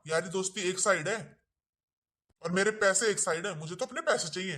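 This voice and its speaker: A woman's voice: mid-range voice, brisk, a bit bright, close to an everyday voice. A woman playing a pushy young man demanding money. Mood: insistent. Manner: insistent, demanding. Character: young male moneylender friend, insistent. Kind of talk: family drama skit.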